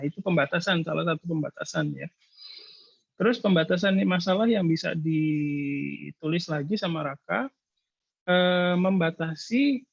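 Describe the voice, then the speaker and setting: A male lecturer giving casual thesis advice in an online seminar, explaining patiently with many hesitant filler pauses. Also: a little high, gravelly, breathy edge, no room sound, highs cut off. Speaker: university lecturer.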